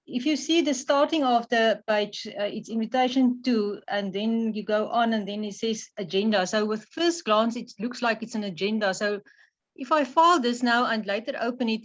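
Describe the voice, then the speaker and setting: A woman taking part in a meeting, politely and tentatively explaining her suggestions. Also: on the high side. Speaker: meeting participant. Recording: dull lo-fi online meeting audio.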